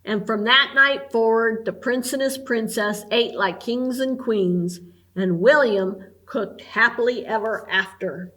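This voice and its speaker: A librarian woman reading a picture book aloud at storytime, clear and expressive. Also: a little high, measured pace.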